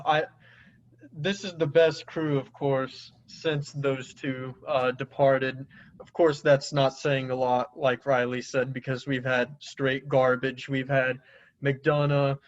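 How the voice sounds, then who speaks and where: A man's voice: medium pitch, little pitch movement, takes it slowly, muffled recording. A man co-hosting a casual sports podcast, giving blunt opinions with dry jabs. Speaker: podcast co-host.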